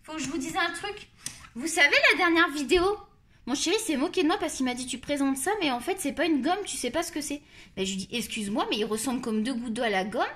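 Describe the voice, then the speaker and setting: Quick-paced and high-pitched, with a fairly bright tone, this woman from France tries out coloring pencils on camera for her coloring channel. She rambles casually in a Marseille accent and teases herself along the way.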